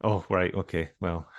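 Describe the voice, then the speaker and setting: A man's voice: sits low, lo-fi sound. A man co-hosting a podcast in casual banter, blunt, joking and swearing freely. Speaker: podcast co-host.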